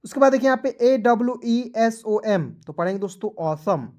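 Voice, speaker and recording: A man's voice: high-pitched, expressive, a little fast, a little mellow. Man spelling out English words. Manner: spells words letter by letter, asks viewers to comment. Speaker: English teacher. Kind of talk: Hindi-language English spelling lesson.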